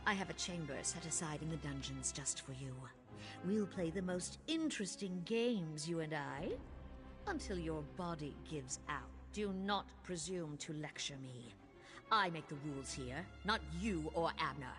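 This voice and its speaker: A woman's voice: deep voice, lively intonation, moderate pace, music in the background. An actress playing a royal, imperious, mocking and power-hungry queen in a video game. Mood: mocking, menacing. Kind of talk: video game character acting.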